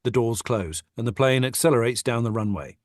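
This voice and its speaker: Man calmly reading stage directions. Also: mid-range voice, brisk, no room sound, studio quality. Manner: steady, matter-of-fact reading of action. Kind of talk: script narration in a table read. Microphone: video call.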